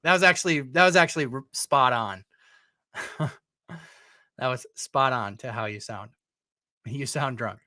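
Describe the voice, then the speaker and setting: A man's voice: medium pitch, unhurried, long pauses, sharp tone, dry recording, studio quality. A man hosting a live call-in stream, talking casually with many fillers and restarts. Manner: chatty, frequent fillers and restarts. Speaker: podcast host.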